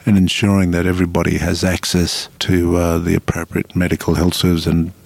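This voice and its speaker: A man speaking earnestly in an interview, making his case in a measured, repetitive way with frequent "you know". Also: sits low, monotone, creaky, no echo. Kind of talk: radio interview, earnest advocacy.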